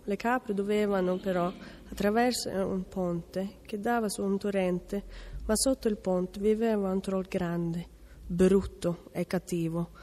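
A woman reading a children's fairy tale aloud in a lively, expressive storyteller manner. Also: medium pitch. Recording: long hall reverb.

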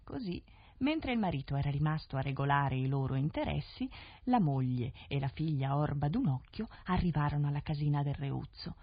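A woman narrates a fairy tale in an expressive, lilting voice, slightly low with lively pitch and a husky grain. It is a 1970s radio broadcast, and the sound is dull and dry. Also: brisk, no room sound. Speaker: storyteller.

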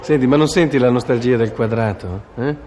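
A man with an average-pitched voice leads a conversational comic interview. He acts as host and straight man, with slight noise behind him. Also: fairly quick.

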